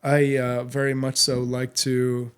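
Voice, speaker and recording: A man's voice: medium pitch, completely flat delivery, a little slow, clean tone. A man speaking as a sommelier guest in a casual podcast interview, with a blunt way of talking.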